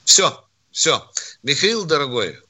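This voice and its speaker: An older man hosting a call-in radio show, brisk and quick to argue with callers. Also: fairly high pitch, very animated, bright, forceful tone.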